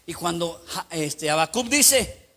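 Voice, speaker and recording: A middle-aged man with a Costa Rican accent preaching a sermon as pastor, emphatic and telling lively anecdotes. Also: fairly high pitch, slow pace. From Costa Rica.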